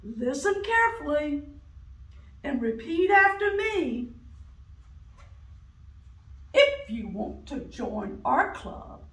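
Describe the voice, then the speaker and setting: A woman voicing a bossy male elephant who lectures in a loud, sing-song way. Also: sits high, big pitch swings, slow, long pauses, pitched above the performer's own voice, heavily acted. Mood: lecturing. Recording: roomy, from a distance.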